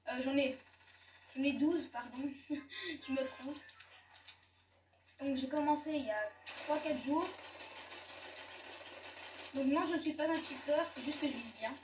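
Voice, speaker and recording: A woman's voice: high-pitched, unhurried, long pauses. A woman giving casual, chatty commentary over her gameplay, often giggling and correcting herself. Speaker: gaming YouTuber. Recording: echoey room, distant mic, faint noise.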